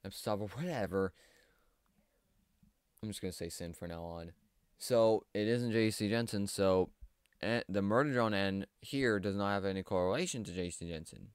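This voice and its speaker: Male commentator, lowish smooth voice, hesitant and filler-heavy, dry close mic. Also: normal speed, no echo. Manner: rambling, hesitant, lots of fillers. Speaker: video commentator. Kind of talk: casual commentary on a cartoon series.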